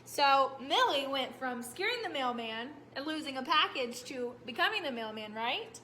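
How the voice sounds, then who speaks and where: A woman teacher reads a picture book aloud to young children with an animated storytelling manner, pausing often to ask them what they think. Her voice sits high and bright. A faint hiss runs under the recording.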